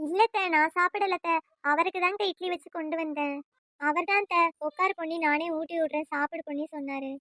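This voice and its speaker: A woman voicing a meek, pleading young daughter-in-law in a family cartoon, soft-spoken. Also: very high-pitched, fast, dry recording, studio quality. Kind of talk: cartoon voice acting.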